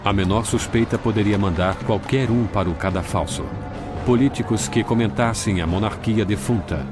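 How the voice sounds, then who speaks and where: A man reading scripted documentary narration in a grave, measured way, recorded as a studio voice-over. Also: on the low side. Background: music.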